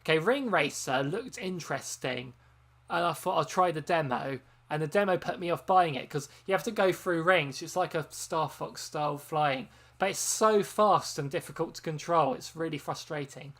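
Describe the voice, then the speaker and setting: This streamer speaks at medium pitch and a moderate pace, his tone a touch bright. Tired after hours live, the game channel host drifts through loose chat, stumbling over ums and correcting himself often.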